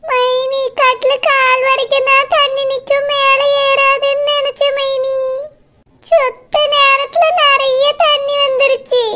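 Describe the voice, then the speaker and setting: A woman's voice: extremely high pitch, pushed and bright, exaggerated voice. A woman doing a shaky, frightened young village mother. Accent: Tirunelveli Tamil. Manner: tearful, pleading, breathless telling.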